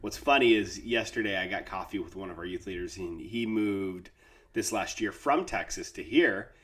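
Over a remote call recording, a deep-voiced man with a fairly bright tone banters with his podcast co-host at a moderate pace. The talk is casual and playful, full of jokes and frequent laughter.

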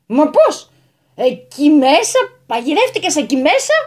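A woman's voice: sits high, sing-song, fairly bright tone. A woman voicing a hot-tempered, bossy male landowner who talks in a flustered rush in a radio story. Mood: exasperated.

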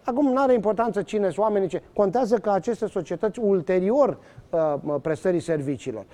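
A man with a rather high, soft-toned voice. He talks as an interview guest, pressing his points and acting out the conversations he retells. He uses many fillers and restarts. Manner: animated, many fillers and restarts, acts out quoted exchanges. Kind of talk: emphatic storytelling in conversation.

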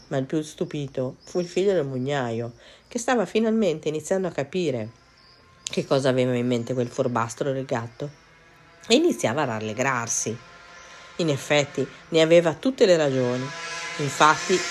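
A woman narrating a fairy tale in an expressive, measured storybook reading. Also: extremely low pitch, a little hiss or hum.

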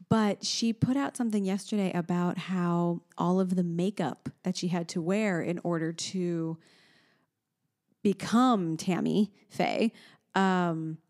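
A young woman co-hosting a casual chat, excitable and quick to gush, leaping up in pitch when delighted. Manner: chatty and excitable, jumps high when delighted.

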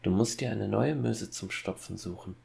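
A man voicing a calm, cold young boy who quietly threatens his father in a horror fairy-tale audiobook. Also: fairly low pitch, moderate pace, gravelly. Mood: cold menacing.

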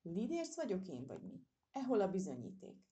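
A woman's voice: mid-range voice, huge pitch swings, mellow, distant mic. A woman voicing a mischievous young male squirrel who lisps as if his mouth is full, in a storybook reading. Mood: teasing. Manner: lisping, mouth full of bitter chestnut.

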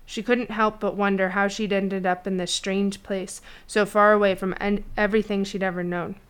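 A woman narrating a fantasy novel chapter in a steady storytelling read. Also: mid-range voice, moderate pace, smooth. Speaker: audiobook narrator. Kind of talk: scripted fiction narration.

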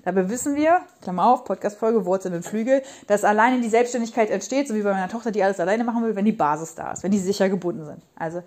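Her medium-pitched, slightly mellow voice moves quickly with few pauses. She's a parenting coach in her thirties, rambling passionately through a casual solo podcast and repeating points for emphasis, recorded on a podcast mic.

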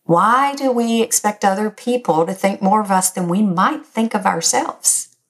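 An older woman with a raspy, slightly hoarse voice, speaking as a host in an encouraging, emphatic motivational talk straight to her listeners. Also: mid-range voice, unhurried. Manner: encouraging, direct address, emphatic. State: slightly hoarse, recovering from illness. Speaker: podcast host.

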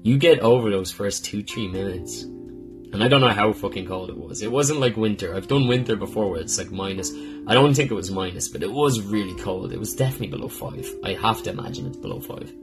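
A man's voice: on the low side, brisk. A man hosting a podcast in a rambling, heartfelt personal monologue, swearing often as he talks. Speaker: podcast host. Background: guitar music.

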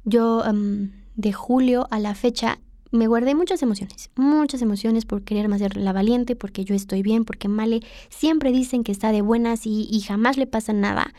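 A Mexican woman hosts her own podcast in a candid, confessional monologue, speaking directly to the listener. Her voice sits a little high. The recording is dry, with no room sound around her. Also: moderate pace, dark tone, no echo. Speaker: podcast host. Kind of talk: reflective personal monologue.

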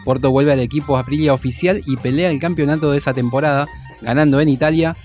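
A man's voice: fairly high pitch, fairly even intonation, fast, a little mellow, faint music behind. A man reading scripted documentary narration.

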